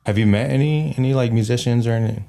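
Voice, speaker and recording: A man hosting a casual podcast interview, talking in a relaxed, rambling way with many fillers. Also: medium pitch, quick pace, vocal fry. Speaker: podcast host.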